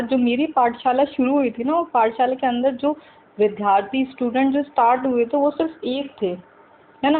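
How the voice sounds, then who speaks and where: A woman teaching English to Hindi speakers. She talks slowly, repeats each example sentence several times and keeps asking the viewers questions. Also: fairly high pitch, narrow, tinny audio, a little hiss or hum.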